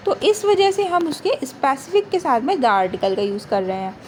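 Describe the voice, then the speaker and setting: A woman teaching grammar for an exam. She asks questions and answers them herself, and reads English rules slowly before she explains them. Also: high-pitched, very animated, a little mellow, slight background noise. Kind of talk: exam-prep grammar lesson.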